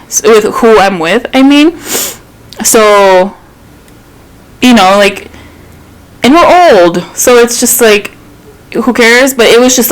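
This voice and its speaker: A woman in her thirties co-hosting a casual podcast. She tells a personal story in candid, chatty fashion, swearing freely. Her voice sits at a middle pitch. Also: poor audio. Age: 30s. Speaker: podcast co-host. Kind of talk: casual chat.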